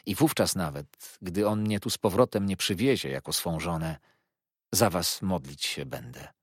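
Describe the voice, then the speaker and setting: A remorseful young woman's farewell letter, read aloud by a man in a slow, pleading way. The voice underneath is very low and husky. The recording is dry and close. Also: no room sound. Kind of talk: audiobook letter reading.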